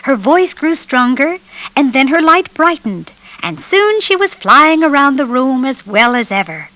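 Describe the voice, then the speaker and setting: A woman's voice: high-pitched, big pitch swings, unhurried, pushed and bright, no room sound. A woman reading a children's storybook aloud as narrator, telling it expressively.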